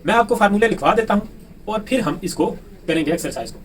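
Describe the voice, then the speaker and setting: A man with a high voice walks through a math lesson, constantly firing rhetorical questions at his listeners and answering them himself. He repeats key words for emphasis. He sits a little back from the mic, with a faint hiss of background noise. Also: expressive, fast, distant mic, poor audio. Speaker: math teacher.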